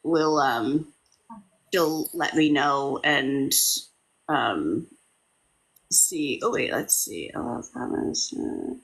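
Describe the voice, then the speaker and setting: Tired, soft-spoken woman host. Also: deep voice, very animated, extremely slow, pauses often, breathy edge, low-quality recording. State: exhausted. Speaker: live-stream host. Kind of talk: casual live-stream chat.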